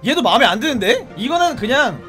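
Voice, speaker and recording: Guy streaming a cop game, super high voice, jumps all over, yelling at npcs, music in the back. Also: quick pace. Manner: playful, animated, shouting commands at game characters. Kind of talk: live gameplay commentary.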